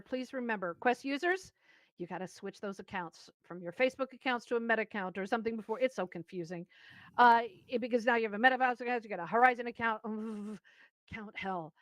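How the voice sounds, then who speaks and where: A woman's voice: on the high side, fairly bright tone, no echo. Upbeat woman co-hosting a news stream. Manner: enthusiastic, chatty. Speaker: co-host. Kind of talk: live-stream news chat.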